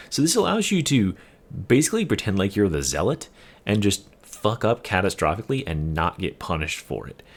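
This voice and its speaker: A young man with a deep, low voice talks casually through a game build. He explains in a loose way, full of fillers and swearing. A faint hiss sits behind him. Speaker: game build guide creator. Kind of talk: casual gameplay commentary.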